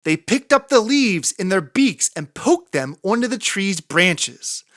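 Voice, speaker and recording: Expressive, unhurried woman reading a storybook. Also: medium pitch, dry recording, clean studio sound. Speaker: children's story reader. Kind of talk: expressive storybook read-aloud narration.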